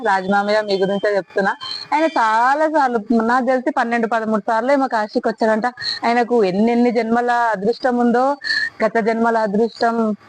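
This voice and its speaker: A woman's voice: fairly high pitch, poor audio. A woman, talking in a fervent, rambling way in a casual devotional travel vlog recorded outdoors at a temple at night. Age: 30s. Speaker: travel vlogger.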